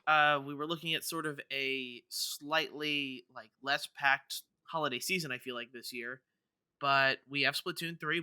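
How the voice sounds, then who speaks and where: In a dry, clean recording, a man with a sharp, mid-range voice hosts a podcast about gaming news. His talk is casual and meandering, with frequent stammers and restarts.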